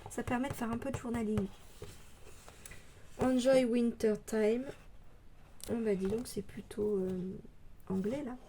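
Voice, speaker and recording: A woman vlogger chatting casually about scrapbooking papers, hesitant with many fillers, pausing to read labels aloud slowly. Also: a little high, dark tone, a little hiss or hum. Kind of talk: casual show-and-tell haul. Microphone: phone.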